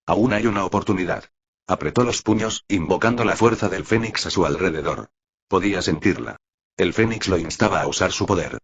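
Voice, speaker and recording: A man narrating an audiobook in an even, dramatic storytelling manner. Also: deep voice, fairly quick, breathy edge.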